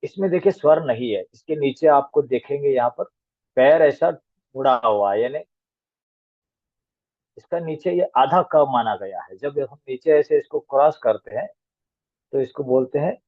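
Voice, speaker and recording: Over a video call with tinny, dry audio, a man teaches an online grammar class in a medium-pitched, expressive voice at normal speed. He patiently spells out letter sounds one at a time.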